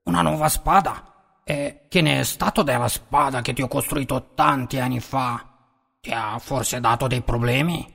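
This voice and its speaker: A man voicing an honest, anxious old grandfather craftsman with a creaky voice in a storybook. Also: mid-range voice, moderate pace, a bit bright, big-room sound, pitched above the performer's own voice. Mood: surprised. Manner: fretful and pleading.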